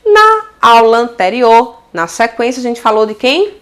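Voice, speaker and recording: Brazilian woman, grammar teacher, high voice, bouncy animated pitch, casual video lesson. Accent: Brazilian Portuguese. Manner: lively and affectionate, checks in with frequent "tá certo?"; stretches out example words slowly.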